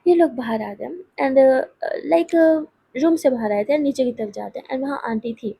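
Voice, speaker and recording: A woman's voice: high voice, normal speed, vocal fry, mellow, husky. A woman casually telling a love story, chatty and talking straight to her listeners. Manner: chatty, addresses listeners directly.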